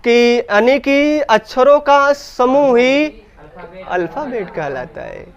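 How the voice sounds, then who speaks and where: A man's voice: very high voice, expressive, slow, lo-fi sound. A man from India teaching an English grammar class in Hindi, asking his students questions, answering them himself and repeating his points.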